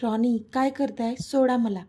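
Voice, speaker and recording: A woman's voice: on the high side, steady tone, measured pace, mellow. A woman voicing an irritated young woman who pushes back defiantly, in a storybook reading. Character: young woman, angry and proud heroine.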